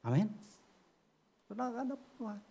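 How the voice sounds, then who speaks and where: Lively Indonesian-preaching man, swinging highs and lows. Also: moderate pace, creaky, breathy edge. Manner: casual street slang storytelling, big swings between low murmurs and high exclamations. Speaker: pastor. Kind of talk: sermon. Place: church.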